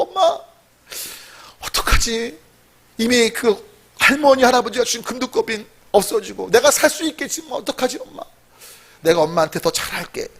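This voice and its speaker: A man's voice: fairly high pitch, close to an everyday voice. A man voicing a sulky, immature grown son who pleads and lashes out. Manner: pleading, emotional outbursts.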